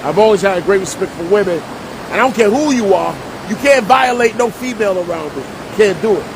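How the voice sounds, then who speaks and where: A man's voice: lively intonation, brisk. A middle-aged man from Jersey City, telling his life story in a casual vlog monologue, full of street slang and repetition. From Jersey City, New Jersey. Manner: streetwise slang, repeats himself for emphasis. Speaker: vlogger and preacher. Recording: loud rumbling noise behind voice.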